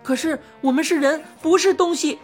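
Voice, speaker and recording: A woman voicing a young girl in a storybook, who speaks in an excited, protesting way. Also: high voice, moderate pace, faint music behind, pitched above the performer's own voice, close to an everyday voice. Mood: indignant. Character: young girl, alarmed and indignant.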